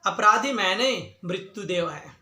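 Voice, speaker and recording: Talking snake begging for its life, man doing it, high voice, echoey room. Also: expressive, moderate pace, bright, forceful tone, full character voice. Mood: pleading.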